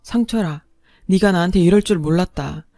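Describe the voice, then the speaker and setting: A woman's voice: lowish voice, moderate pace, mellow, dry recording, studio quality, soft background music, lightly acted. A woman voicing a stern, cold older father-in-law who speaks with bitter reproach, in a storybook reading.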